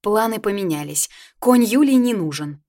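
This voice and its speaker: A woman reading an audiobook, voicing a timid, soft-spoken young woman. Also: medium pitch, lively intonation, normal speed, pitched above the performer's own voice, lightly acted. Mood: shy. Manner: soft, shy.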